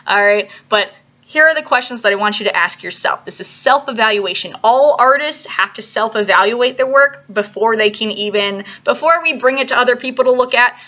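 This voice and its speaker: A woman's voice: medium pitch, bright, forceful tone, dull audio. A woman teaching an art lesson to young children on video, upbeat and coaxing, often checking in with "all right?" between steps.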